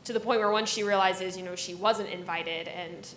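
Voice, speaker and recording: A woman's voice: fairly low pitch, normal speed. Woman dancer talking in a roomy space. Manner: animated storytelling with fillers. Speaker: ballet dancer. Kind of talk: conversational interview. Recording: roomy with faint noise.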